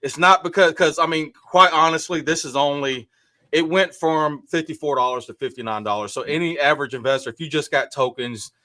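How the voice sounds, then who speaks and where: Loud, sharp-voiced excitable man. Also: a little high, no room sound. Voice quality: loud, strongly projecting voice. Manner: excitable, halting, repeats himself. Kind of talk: casual group chat. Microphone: desktop USB microphone a few feet away.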